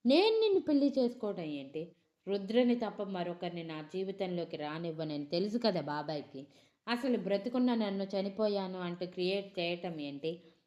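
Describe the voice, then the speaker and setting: A woman voicing an angry, bewildered young woman who has been kidnapped and shouts indignant questions. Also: medium pitch, voice pushed up, lightly acted.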